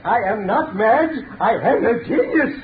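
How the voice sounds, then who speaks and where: Crazy gloating scientist in an old radio drama, really high voice swooping all over, ranting. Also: male voice, lively intonation, a little slow. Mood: manic boasting. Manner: theatrical, ranting, emphatic, repeats himself. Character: mad, gloating male scientist doctor, fiercely secretive. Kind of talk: 1930s-40s radio drama acting. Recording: tinny, narrow-band old radio recording, faint noise.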